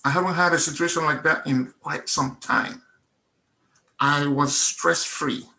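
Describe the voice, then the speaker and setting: A middle-aged Nigerian man whose first language is Igbo gives an earnest personal testimony at a meetup in a bright, fairly high voice. Emphatic throughout, he hammers the same phrase over and over for effect.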